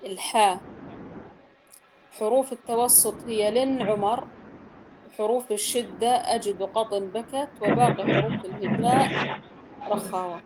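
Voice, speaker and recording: A woman's voice: fairly high pitch, measured pace, long pauses, noisy background. A woman teaching Quran recitation, patiently correcting pronunciation and drilling the rules of letters. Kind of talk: tajweed instruction.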